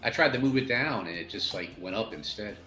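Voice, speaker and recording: Man, low bright voice, very lively, joking tabletop player, echoey room. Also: faint music behind. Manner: joking, rambling, quick to laugh. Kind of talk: playing a tabletop game, casual chat.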